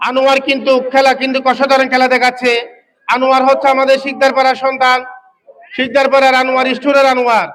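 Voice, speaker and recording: A man giving excited live play-by-play football commentary, repeating names and phrases and raising his voice as the action builds. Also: very high voice, quick pace. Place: local outdoor football ground.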